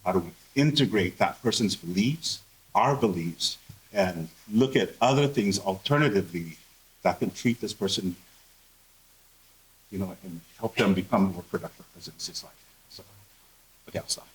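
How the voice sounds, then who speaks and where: A man's voice: low voice, animated, normal speed, pauses often, low-quality recording. Earnest man on a conference panel. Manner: candid, earnest, uses many fillers. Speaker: panelist, behavioral health professional. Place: conference room.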